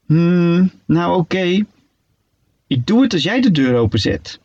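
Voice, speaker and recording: A man voicing an excitable young female shark in a storybook reading, squealing with breathless excitement. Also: sits high, measured pace, husky, voice pushed up, heavily acted. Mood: sheepish. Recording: dull lo-fi recording.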